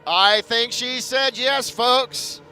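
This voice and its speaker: Guy doing airshow commentary, forceful high voice, stretches words like an announcer, bit of music behind. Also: steady tone. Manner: announcer-like, building showmanship with drawn-out phrases. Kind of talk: live airshow commentary to a crowd.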